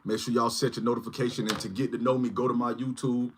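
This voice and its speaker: A man's voice: medium pitch, little pitch movement, quick pace, a little hiss or hum. A man in his forties hosting a casual livestream, rambling and often asking "you know what I mean". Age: 40s. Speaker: channel host.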